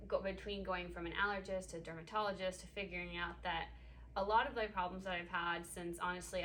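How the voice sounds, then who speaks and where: A young woman from Ecuador speaks in a bright, forward voice that sits a little low. She pauses often with ums as she talks. Faint background noise is under her voice. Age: 20s. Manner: hesitant, many ums. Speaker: patient. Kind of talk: casual interview. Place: clinic room.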